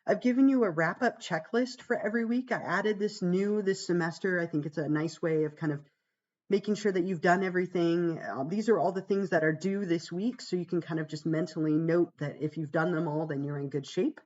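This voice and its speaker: On a casual livestream, a female psychology instructor whose illness has left her voice hoarse, gravelly and deeper than usual walks students through a course page. She talks fairly quickly in a darkish tone, chatty and reassuring, full of "um"s and "right?", over lo-fi sound.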